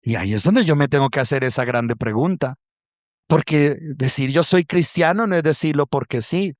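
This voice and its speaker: High-voiced pastor preaching. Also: male voice, normal speed, dry recording, clean studio sound. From Colombia. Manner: animated storytelling with acted quotes, addresses congregation as brothers. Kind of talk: sermon. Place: church.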